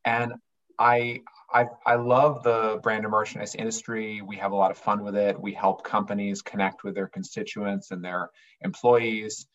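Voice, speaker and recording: In a conversational interview, a man who owns a family business earnestly explains his company, now and then restarting a sentence. His voice is fairly low and fairly bright, with little pitch movement, a normal pace, and the high frequencies cut off.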